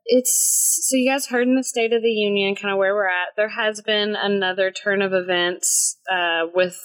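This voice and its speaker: A woman's voice: mid-range voice, fairly even intonation, normal speed, a bit bright, no room sound. A young woman chats casually as a podcast co-host in a very dry recording. She rambles in a self-deprecating way and swears freely. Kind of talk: casual chat.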